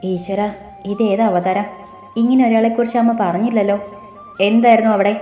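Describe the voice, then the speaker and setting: A woman's voice: on the high side, steady tone, brisk, mellow, close to an everyday voice. A woman voicing a jealous young woman who taunts her rival with open hostility. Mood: spiteful. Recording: roomy with faint music.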